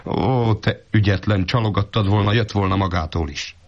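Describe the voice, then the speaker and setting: A man's voice: on the low side, close to an everyday voice. Man doing a nagging old farm wife, impatient and bossy, muffled lo-fi sound. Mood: scolding. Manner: scolding, impatient. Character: scolding old peasant wife. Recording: dull lo-fi recording.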